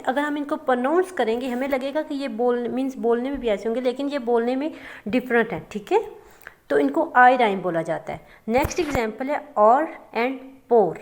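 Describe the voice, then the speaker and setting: A woman teacher giving a step-by-step lecture, reading definitions out slowly and writing on a board while she talks. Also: high-pitched. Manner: explains step by step, often checking in with "okay". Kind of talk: classroom lecture.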